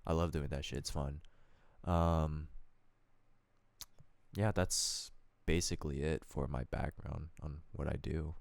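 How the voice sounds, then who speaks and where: Speaking with an extremely low, gravelly voice, this native Korean podcast co-host and DJ in his twenties keeps a steady tone and a measured pace. The casual chat is laid-back and halting, packed with fillers, and the recording has no echo.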